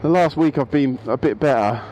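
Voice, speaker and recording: A man's voice: medium pitch, a little fast, darkish tone, poor audio. A man vlogging casually about his motorbikes, rambling and often breaking off to restart his sentences. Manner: rambling, self-interrupting. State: out of breath. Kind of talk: casual vlog monologue. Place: outdoors by a road. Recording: outdoor street noise behind.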